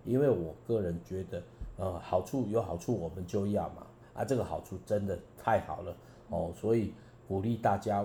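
Deep mellow-voiced preacher. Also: male voice, roomy sound, a little hiss or hum. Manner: halting and earnest, many restarts, emphatic rises. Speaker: preacher and songwriter, radio guest. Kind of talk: personal testimony in a radio interview.

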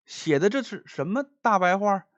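A nearsighted old secretary, all deference and drawn-out wonder, played by a male storyteller. The sound is close and dry, a bit dull. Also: high voice, lively intonation, no room sound, voice pushed up. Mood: puzzled, obsequious. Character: old, half-blind official's secretary, fawning.

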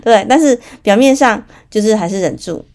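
A woman's voice: fairly high pitch, animated, normal speed, a little mellow. Woman, Taiwanese Mandarin accent, chatty parenting podcast host, story-driven and filler-heavy.

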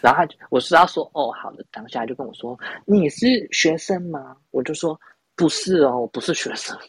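A man's voice: mid-range voice, fast, slightly rough, no room sound, low-quality recording. A young man from Taiwan, telling a rambling, self-mocking story in a casual podcast chat. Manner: rambling, self-mocking, many restarts and laughs. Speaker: podcast host.

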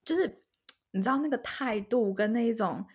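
Husky young woman chatting. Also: on the high side, lively intonation, normal speed, darkish tone. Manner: exclaiming, reactive. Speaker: podcast co-host. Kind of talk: casual chat.

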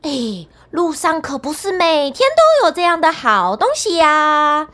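A woman reading a storybook and voicing a foolish, cheerful young man who shouts gleefully and draws out his calls. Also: high voice, big pitch swings, measured pace, exaggerated voice. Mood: gleeful, loud.

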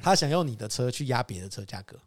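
A man with a Taiwanese Mandarin accent, a used car dealer telling stories in an animated, casual chat. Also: fast. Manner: animated, acts out customers and his father with rising pitch and laughter.

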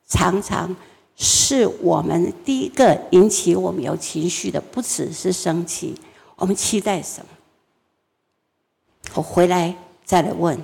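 Gravelly older woman teaching. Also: fairly low pitch, long reverb tail. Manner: lively, acts out family scenes. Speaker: guest teacher.

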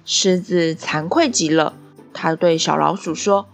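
A woman narrating a bedtime story for children in a gentle, soft, expressive way. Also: low voice, unhurried, vocal fry, soft background music. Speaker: podcast storyteller.

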